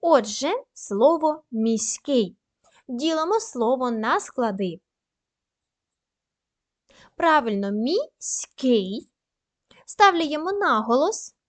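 A female primary teacher records a lesson for young pupils, giving slow, careful dictation and lots of praise. Her voice is high and animated, and she never rushes.

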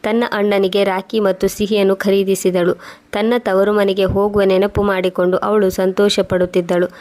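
A woman narrating a moral story in a scripted, steady reading voice. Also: mid-range voice, moderate pace. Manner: flat, monotone reading.

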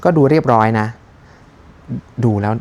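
A man's voice: unhurried, a little mellow, a little hiss or hum. A man chatting casually while unboxing running shoes, joking and thinking aloud with many fillers. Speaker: running shoe reviewer.

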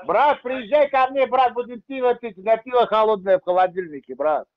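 Guy with a high voice goofing around on a prank call, acting clueless, muffled phone sound. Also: fairly quick. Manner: playful, stalling, mock-naive.

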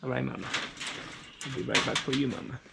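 A man on a farm talking softly and coaxingly to animals, recorded on a handheld camera held close. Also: medium pitch, steady tone, fast, creaky. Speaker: farmer. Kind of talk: casual talk to animals. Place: outdoors on a farm. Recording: noisy outdoor camera recording.

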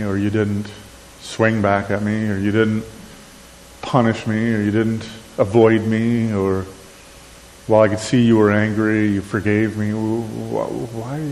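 A middle-aged man with an Upper Midwestern accent, giving a conversational sermon and asking the crowd questions. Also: lowish voice. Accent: Upper Midwestern American. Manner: animated, asks the crowd questions, gestures while talking. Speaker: conference speaker. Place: church sanctuary. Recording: church hall with long reverb, faint hiss.

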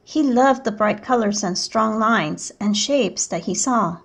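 Speaking in a mid-range voice, a teacher reads a picture book aloud, narrating the story in a measured way with clear enunciation.

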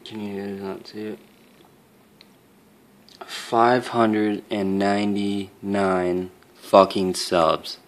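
A man's voice: lowish voice, level tone, drawn-out words, long pauses, a little hiss or hum. A young man hosting his own gaming channel, talking to camera in a casual, rambling, profanity-heavy and emotional way. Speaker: YouTube gaming channel host.

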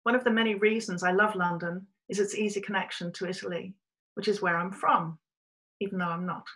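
With a medium-pitched, slightly bright voice and fairly even intonation, a middle-aged woman from Australia tells a reflective story. She is a writer delivering a prepared, measured talk to camera over a webcam in a small room.

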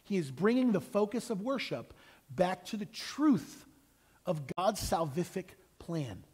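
Guy preaching a sermon, high voice, bouncy, really animated and emphatic. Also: measured pace, slightly rough. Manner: animated, emphatic, acts out quotes; plays guitar. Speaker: pastor.

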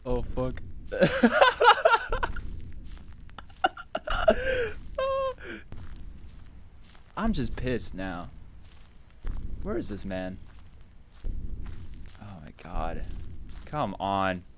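A man's voice: low-pitched, expressive, slow pace, pauses often, slight background noise. A man streaming a horror game from his own room, talking to himself, jumpy and swearing often as he plays. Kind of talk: live game commentary.

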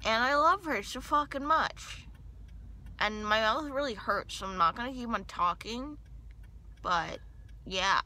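A teenage girl vlogging from a car after dental surgery, loud, giddy and rambling, her mouth full of gauze. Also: a little high, a little slow, pauses often. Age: teens. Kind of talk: casual vlog chat.

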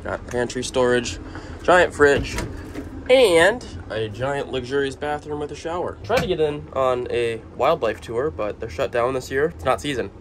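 Filming on a handheld camera at arm's length, a young American vlogger gives folksy, playful narration while traveling in and around his motorhome. His medium-pitched voice is expressive and moderately paced, and the sound picks up plenty of outdoor and vehicle noise.

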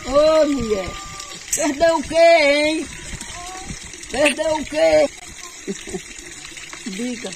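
Older woman, Northeastern Brazilian accent, blunt grumbling, casual bickering, outdoors off-mic, clear background noise. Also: high-pitched, extremely slow, long pauses. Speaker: mother of the vlogger. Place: outdoors in a rural yard. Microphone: phone camera a few steps away. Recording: noisy outdoors, off the phone mic.

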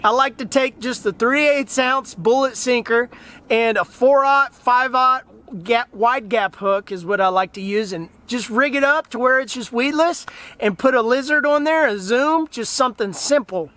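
A man's voice: extremely high pitch, moderate pace. A man, talking casually and eagerly to the camera about fishing, outdoors by a river. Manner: enthusiastic, plain-spoken, animated hand gestures. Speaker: fishing channel host.

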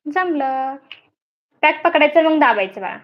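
A mother with a high, light voice plays with her toddler at home, gently coaxing and praising each small step. The recording is muffled and lo-fi. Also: expressive, a little slow. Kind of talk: live-streamed playtime talk with a small child.

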